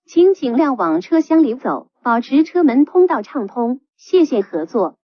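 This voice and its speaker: A woman's voice: high voice, measured pace, no echo. Woman's announcement over a bus PA. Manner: calm, even, formal. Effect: played over a bus PA system. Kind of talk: scripted public announcement. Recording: dull lo-fi PA playback.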